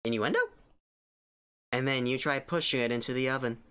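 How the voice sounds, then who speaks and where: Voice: mid-range voice, fairly quick, fairly bright tone, clear, resonant tone, natural voice. A streamer voicing the somber narrator of a horror game, reading scripted text aloud. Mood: somber, steady.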